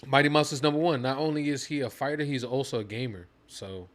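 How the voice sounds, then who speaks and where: A man's voice: mid-range voice, steady tone, quick pace. A man co-hosting a casual live-stream chat, laid-back and swearing freely as he talks. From United States. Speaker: podcast co-host.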